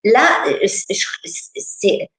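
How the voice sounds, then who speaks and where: A woman's voice: drawn-out words, a bit bright, reverberant, low-quality recording. A woman giving a personal testimony, speaking hesitantly with many filler sounds.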